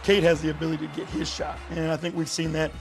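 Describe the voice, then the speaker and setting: A man, a coach, calmly explaining his team's offense in an interview. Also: on the high side, soft background music. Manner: measured, explanatory. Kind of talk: interview about team strategy.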